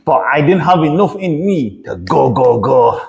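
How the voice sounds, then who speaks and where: A man's voice: a little high, big pitch swings, normal speed, creaky, long reverb tail, slight background noise. A man hosting a casual podcast chat, talking in an easygoing way, repeating phrases and laughing.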